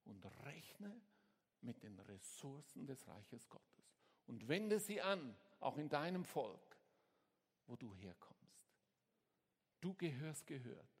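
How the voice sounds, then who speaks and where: A man preaching a sermon as a pastor, swinging between hushed words and sudden shouts to his congregation. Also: medium pitch, big pitch swings, slow pace, breathy edge, big-room sound. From Switzerland.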